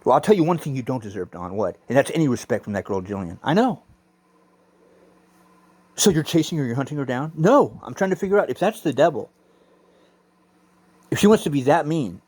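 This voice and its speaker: A man's voice: mid-range voice, very animated, fairly quick, pauses often, darkish tone, no room sound. A middle-aged man telling personal stories in a rambling, profane, intense monologue, arguing back and forth with himself. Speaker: vlogger.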